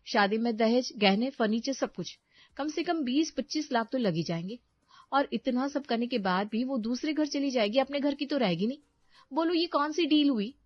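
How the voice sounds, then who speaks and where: A woman's voice: high voice, animated, moderate pace, no echo. A calculating young wife in a storybook cartoon, put on by a woman narrator, lecturing and insistent in a raised voice. Every relationship becomes a sum to her. The sound is dry, dull and lo-fi.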